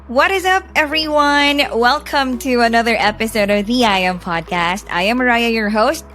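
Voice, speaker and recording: A woman hosting a startup podcast, reading a scripted intro and chatting in an upbeat way over a video call. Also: medium pitch. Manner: upbeat, warm welcomes, light laughter. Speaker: podcast host. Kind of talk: scripted intro and casual interview.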